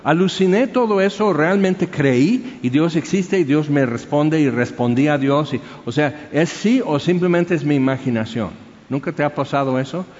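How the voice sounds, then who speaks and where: A man's voice: on the high side, normal speed, darkish tone. A man preaching a conversational sermon that is full of rhetorical questions. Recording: dull sound with long hall reverb.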